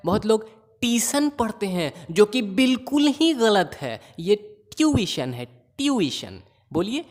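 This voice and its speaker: A man teaching pronunciation who drills single words slowly and over again and teases learners about their common mistakes. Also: high voice, long reverb tail. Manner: slow drilling of single words, repeating them; mocking, teasing asides about common mistakes. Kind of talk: classroom pronunciation lesson.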